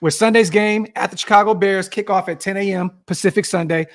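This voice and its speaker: High-voiced man reading viewer comments. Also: fairly quick. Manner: relaxed, slangy, reads comments aloud. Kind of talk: casual podcast chat.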